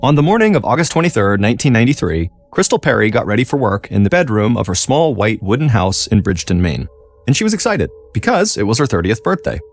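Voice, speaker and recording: Male podcast narrator, lowish voice with lots of pitch movement; dramatic, scripted storytelling. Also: quick pace, dry recording. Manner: dramatic storytelling, lively intonation. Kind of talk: scripted true-crime narration. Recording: faint music behind.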